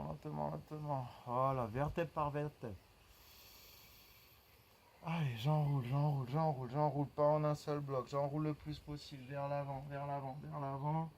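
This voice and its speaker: A man's voice: a little high, a little hiss or hum, low-quality recording. Man guiding a workout, rhythmic cues. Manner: counts breaths and repeats cues in a calm rhythm. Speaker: fitness instructor. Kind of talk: guided workout instruction.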